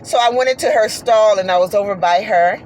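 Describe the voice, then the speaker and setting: A woman's voice: mid-range voice, a little fast, rough recording. A woman telling a heartfelt story about her horse in an earnest, repetitive, folksy way, talking while riding in a car. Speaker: horse owner vlogger. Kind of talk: casual monologue. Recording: steady road noise behind.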